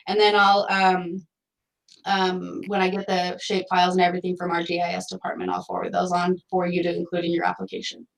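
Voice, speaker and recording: A woman city staff member in a remote meeting call, quick and helpful with trailing ums. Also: lowish voice, monotone, creaky, recorded from a distance, low-quality recording.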